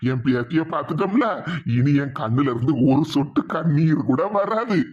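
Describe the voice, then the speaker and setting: A man's voice: on the high side, lively intonation, normal speed, muffled recording, close to an everyday voice. A man voicing a weepy, affectionate old village grandfather with a Kanyakumari Tamil accent in a cartoon. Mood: fond.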